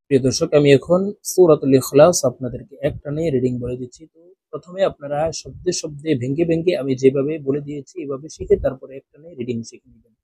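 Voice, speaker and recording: A man teaching Quran recitation, who chants the verses slowly and melodically and explains the rules between them. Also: on the high side, mellow, husky, dry recording. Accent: Bangladeshi Bengali.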